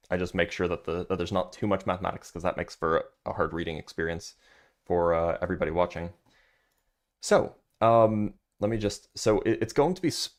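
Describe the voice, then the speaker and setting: A livestream host with a very low, deep voice is reviewing a physics paper, reading sections aloud before wandering into loose asides full of fillers. He answers his chat, and the whole thing stays relaxed and conversational.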